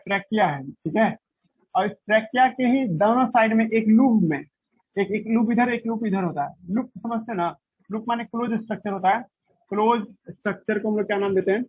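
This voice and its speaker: Male teacher, high voice, step-by-step lecture, thin phone-like audio. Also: breathy edge, dry recording. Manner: explains step by step, asks and answers his own questions. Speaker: biology teacher. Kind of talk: classroom lecture. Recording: dry, tinny phone-like sound.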